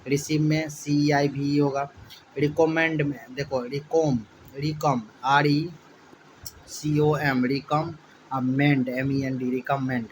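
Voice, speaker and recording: Man slowly spelling words letter by letter. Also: on the high side, flat delivery, a little hiss or hum, low-quality recording. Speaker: teacher. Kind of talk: spelling lesson for exam students.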